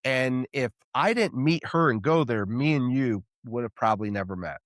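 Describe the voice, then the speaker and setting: A man's voice: mid-range voice, moderate pace, no room sound, studio quality. A man hosting a podcast, telling a story in casual chat and acting out the voices in it. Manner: animated storyteller, acts out quoted voices. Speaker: podcast host.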